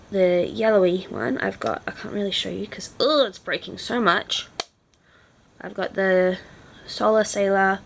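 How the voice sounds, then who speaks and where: A woman's voice: mid-range voice, creaky, slight background noise, low-quality recording. A woman vlogger chatting casually through a makeup tutorial, often dropping into half-whispers as she concentrates. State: teary-eyed.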